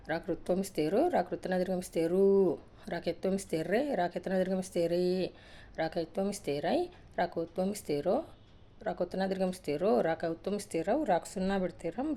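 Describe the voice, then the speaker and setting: A woman teacher rapidly reciting an alphabet drill in a sing-song rhythm, adding brief asides about writing the letters. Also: on the low side, mellow. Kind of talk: reciting a Telugu alphabet lesson.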